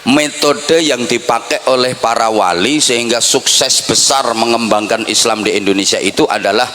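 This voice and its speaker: Male preacher with a Javanese accent, comic sermon, bright and forceful tone, teasing and playful. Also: medium pitch, normal speed, slight background noise. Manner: playful, acts out greetings in mock voices. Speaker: Islamic preacher. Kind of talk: humorous sermon.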